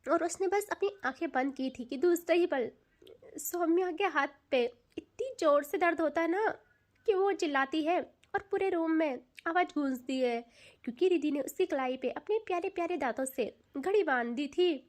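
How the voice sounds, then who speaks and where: A woman's voice: extremely high pitch, normal speed. A woman storyteller and writer narrating a romantic audio story in an intimate, descriptive way.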